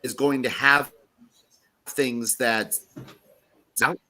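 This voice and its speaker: Remote podcast panelist, a man on a choppy, glitchy call, slow and halting in bright tones. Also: mid-range voice, steady tone, a little hiss or hum, poor audio. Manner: halting, restarts his sentences. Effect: choppy, glitchy internet call audio that cuts out. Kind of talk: casual chat. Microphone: remote internet call.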